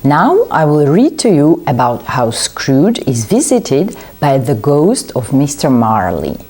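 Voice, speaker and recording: Slow, husky female storyteller, very lively melody. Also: extremely low pitch. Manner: slow, deliberate, simple phrasing for learners. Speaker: library English consultant. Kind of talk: storybook reading aloud.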